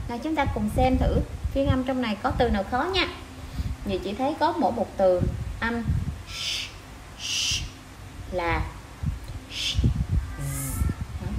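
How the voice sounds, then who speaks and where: A woman teaching an online language lesson to parents. She repeats short sentences slowly, one word at a time, and then explains them. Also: on the high side. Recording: echoey room with clear noise.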